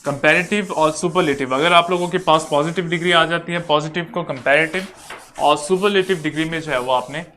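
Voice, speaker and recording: Male teacher, slightly high voice, patient and repetitive online lecture, faint background noise. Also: sharp tone. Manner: repetitive, explains slowly step by step.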